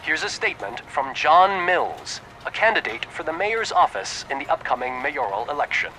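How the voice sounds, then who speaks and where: An actor playing a brisk, formal television news anchor reading a scripted bulletin in a video game. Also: male voice, a little high, very animated, pushed and bright, a little hiss or hum, poor audio. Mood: formal, crisp.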